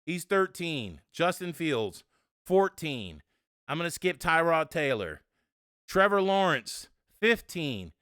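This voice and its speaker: Animated male sports podcast host. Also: a little high, slow, clear, resonant tone, no room sound, studio quality. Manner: animated, rhetorical and annoyed. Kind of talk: casual sports talk.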